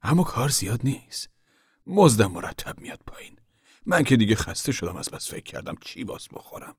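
A man's voice: medium pitch, sing-song, slightly rough, no room sound, in a whisper, clean studio sound, voice pushed up, full character voice. A man voicing an older, weary farm worker and father who talks in a bitter, worn-down way.

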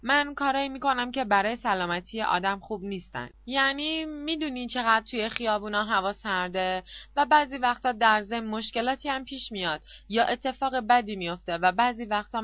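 A woman's voice: mid-range voice, no room sound, muffled recording, close to an everyday voice. A woman reading the part of a timid, flustered poor old man, who talks hesitantly and sheepishly, as in an audiobook.

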